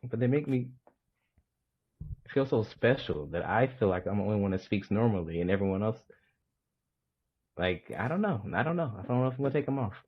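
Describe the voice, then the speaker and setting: Husky young man on lo-fi call audio. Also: lowish voice, expressive, a little fast, long pauses. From Indiana, USA. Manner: playful, teasing, joking. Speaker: podcast co-host. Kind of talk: casual podcast chat. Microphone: headphones on a remote call.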